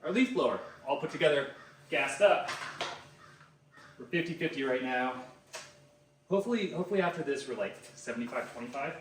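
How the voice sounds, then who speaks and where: Excitable self-mocking man in an echoey garage. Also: medium pitch, fairly quick, long pauses, very noisy. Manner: excitable, self-mocking, talks to himself while working. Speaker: DIY video host. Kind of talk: casual vlog narration while testing tools.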